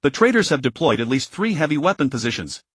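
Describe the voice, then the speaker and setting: Guy doing a flat emotionless army commander, slightly higher, dry. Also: quick pace, slightly rough, no room sound. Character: emotionless male soldier commander over a radio.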